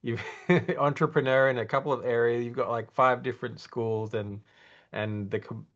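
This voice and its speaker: A man's voice: medium pitch, fairly even intonation, normal speed. A man hosting an online session, thanking speakers and stumbling through transitions. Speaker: session host. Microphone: video call. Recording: muffled video call audio.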